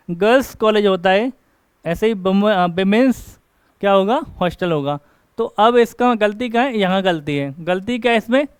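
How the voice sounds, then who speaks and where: A man teaching an English grammar class, asking questions and answering them himself and reading example sentences slowly. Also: sits high, clear, resonant tone, no room sound. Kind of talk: classroom lecture. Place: coaching class.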